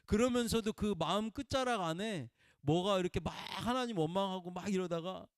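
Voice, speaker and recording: A man preaching a conversational sermon in a folksy way, prompting listeners with "eh?" and swinging between loud emphatic bursts and quiet murmurs. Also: high voice, moderate pace, smooth, no room sound, clean studio sound. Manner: folksy, peppers talk with prompting "eh?" to the congregation.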